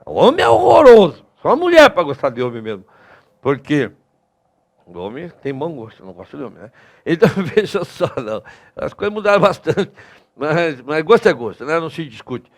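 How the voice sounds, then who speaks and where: A man's voice: a little high, a little fast. A man with a Brazilian Portuguese accent teaching grammar in a recorded lesson, emphatic and constantly checking in with his students. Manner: lively, emphatic, addresses students with many tag questions.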